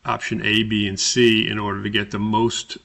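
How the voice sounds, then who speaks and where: Acting as an instructor, a man narrates a step-by-step software tutorial in a deliberate, somewhat hesitant way. His voice is on the low side, creaky and completely flat.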